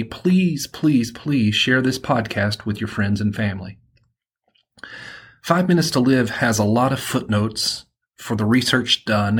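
A man from Alabama with a Southern accent and a slightly husky voice, presenting and reading as an author on his podcast. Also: mid-range voice. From Alabama, United States. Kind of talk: podcast introduction and audiobook-style first-person narration.

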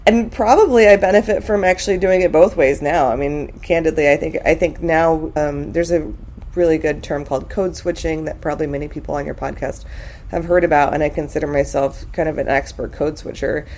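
A woman's voice: low voice, steady tone, fairly quick, darkish tone, slight background noise. A middle-aged woman from California chatting candidly on a podcast, reflective, with many fillers. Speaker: guest. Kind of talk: casual podcast conversation.

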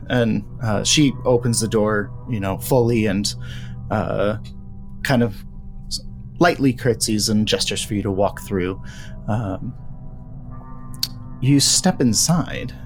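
A man narrating a tabletop horror role-play game as game master, relaxed with frequent ums. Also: lowish voice.

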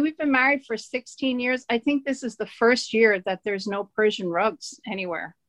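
An Irish woman in her forties, a guest in casual conversation, animated and emphatic, often laughing as she tells stories. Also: a little high, dry recording. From Ireland.

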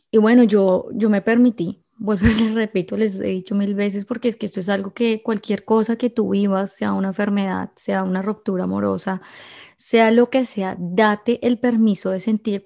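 A woman's voice: mid-range voice, creaky, mellow. A woman telling her viewers a personal story in an emotional, confiding way, often restarting her sentences.

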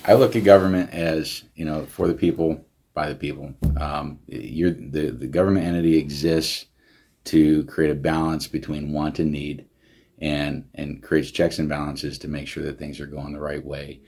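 Super low husky guy, veterans director, talks earnest w lots of restarts, pretty flat. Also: normal speed. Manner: earnest, many restarts and fillers. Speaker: county veterans service director. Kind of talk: casual interview talk.

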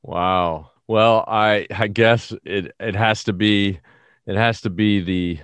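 A middle-aged man from the Bronx, telling a story in an animated, self-mocking way as an interview guest. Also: on the low side, takes it slowly, smooth, no room sound. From the Bronx, New York. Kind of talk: casual storytelling.

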